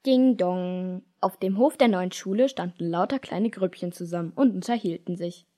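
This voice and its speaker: A woman from Germany reading aloud a children's story she wrote herself, in a lively storytelling manner. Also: fairly low pitch, moderate pace. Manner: lively storytelling, switches into character voices. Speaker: author reading her own story.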